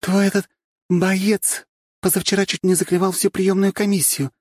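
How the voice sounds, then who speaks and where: A man's voice: high voice, level tone, normal speed, dry recording, studio quality, voice pushed up. A man voicing a stern, scolding young woman who heads the student council. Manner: strict, scolding.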